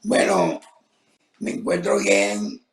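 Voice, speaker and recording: An older man who speaks slowly and haltingly, his voice distorted and rough from a tracheotomy, answering interview questions. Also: reverberant, slight background noise. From Venezuela. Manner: slow, halting, with many pauses and fillers. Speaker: retired professor, guest.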